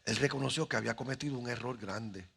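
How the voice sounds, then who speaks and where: A man's voice: medium pitch, fast talker, vocal fry, fairly bright tone, breathy edge. A middle-aged man, preaching as a pastor and telling a story with dramatic pacing. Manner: dramatic, acts out voices in his stories. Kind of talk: sermon with storytelling. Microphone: handheld microphone. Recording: faint music behind the voice.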